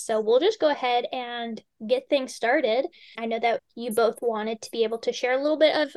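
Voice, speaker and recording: A woman hosting a podcast, chatty and enthusiastic as she introduces her guests. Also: on the high side. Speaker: podcast host. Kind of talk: warm conversational podcast hosting.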